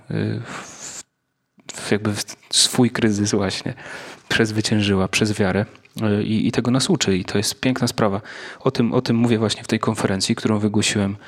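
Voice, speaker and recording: A Polish man chats informally as a podcast host. His voice is fairly low with little melodic movement and a husky grain, and he often restarts while searching for words. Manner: hesitant, searching for words, reflective.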